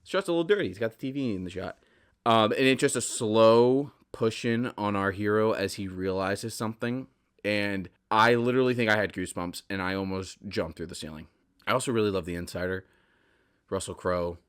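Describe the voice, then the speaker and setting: A man in his twenties talks through his own podcast in a casual, emphatic solo ramble, saying things more than once. His fairly low, smooth voice moves at a moderate pace, with a touch of nasal stuffiness.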